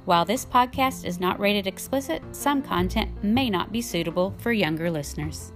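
With music in the background, a middle-aged woman speaks at medium pitch and normal speed. She's an intimacy coach hosting her own podcast alone, partly scripted, and her soothing voice comes across friendly and chatty, with light laughs.

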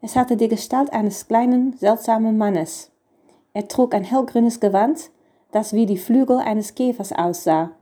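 Mellow woman reading a storybook. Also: fairly high pitch, unhurried. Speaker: narrator. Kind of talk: scripted storybook narration.

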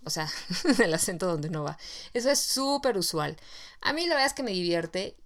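A woman's voice: fairly low pitch, very animated, moderate pace. Chatty Mexican woman hosting a podcast. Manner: chatty and conversational, shifting between loud and soft. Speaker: podcast host. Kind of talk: casual podcast monologue. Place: at home late at night.

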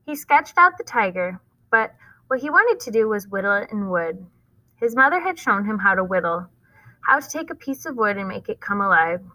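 A woman's voice: medium pitch, very animated, moderate pace, pushed and bright, no echo, low-quality recording. A woman teacher reading a novel aloud to her class and stopping to explain it in plain, casual words.

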